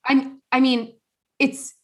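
This young podcast co-host takes it slowly in a high voice as she tells a long story during a casual chat. The storytelling is rambling and animated, packed with fillers and restarts.

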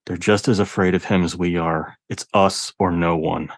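A man voicing a grim, determined driver with a flat, breathy delivery, close to his own low voice. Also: moderate pace, dry recording.

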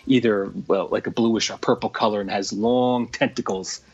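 A man calling in as a remote correspondent over a radio link, chatting easily and explaining things with halting restarts. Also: fairly low pitch, steady tone, darkish tone, breathy edge, highs cut off. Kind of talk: casual comedic radio chat.

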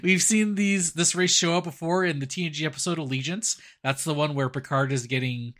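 A man's voice: fairly high pitch, brisk, a bit bright. A man co-hosting a podcast, easygoing and agreeable in casual chat. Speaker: podcast co-host.

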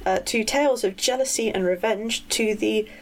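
A woman's voice: mid-range voice, normal speed, rough recording. Chatty, ranting woman podcast host. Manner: chatty, ranting, with frequent fillers. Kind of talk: casual chat about books and writing.

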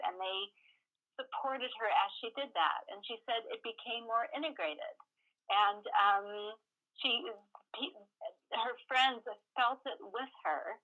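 A woman co-hosting a podcast over a low-quality remote stream, talking in a reflective way and searching for her words. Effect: low-quality remote stream audio. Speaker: podcast co-host. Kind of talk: casual conversational podcast chat. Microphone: remote call microphone, apart from co-host. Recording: dull lo-fi remote call line.

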